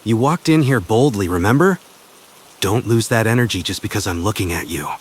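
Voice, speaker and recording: A man's voice: on the low side, lively intonation, a little hiss or hum, lightly acted. Man voicing Gojo Satoru, smug flirtatious professor. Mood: teasing, commanding.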